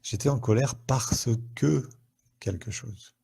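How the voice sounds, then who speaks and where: French man, therapist live-streaming, gravelly, husky, dark tone, headset mic, asks viewers questions. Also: medium pitch, slow. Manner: conversational, asks viewers questions, uses many fillers. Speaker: therapist hosting a live online show.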